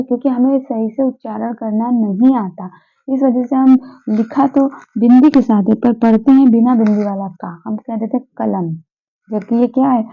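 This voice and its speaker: A woman teacher explaining pronunciation patiently, repeating sounds and answering her own questions. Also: on the high side. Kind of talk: Hindi pronunciation lesson. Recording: tinny phone-like recording.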